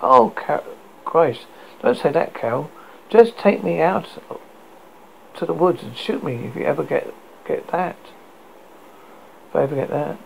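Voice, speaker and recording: Storybook part: weary British husband read by a male narrator, very creaky, faint noise behind. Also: fairly high pitch, expressive, unhurried, pauses often, darkish tone, rough recording. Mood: dismayed. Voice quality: gravelly. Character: weary, concerned middle-aged husband and son-in-law. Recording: noticeable background noise.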